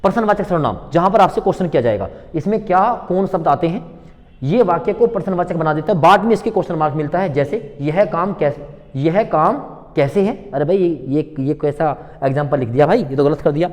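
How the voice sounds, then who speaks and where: A man with a voice on the high side, animated and brisk, gives an informal classroom grammar lecture with worked examples, addressing students familiarly. He repeats key points and poses questions to the class that he answers himself, with a long, hall-like reverb on his voice.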